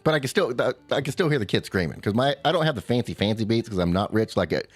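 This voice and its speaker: Low-voiced man telling a story casually. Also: quick pace, no room sound, faint music behind. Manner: animated storyteller, mimics a screaming child in high squeals. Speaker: podcast co-host.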